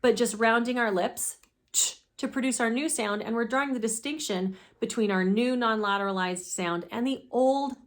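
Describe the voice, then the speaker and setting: A woman speech therapist giving a deliberate, methodical instructional explanation of a teaching method. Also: fairly high pitch. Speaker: speech therapist presenting her own teaching deck.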